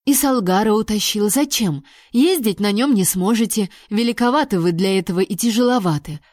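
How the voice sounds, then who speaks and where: A woman reading an audiobook, voicing a sharp-tongued young woman held captive who scolds her captor sarcastically. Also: mid-range voice, a little fast, no room sound, clean studio sound, close to an everyday voice. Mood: scolding.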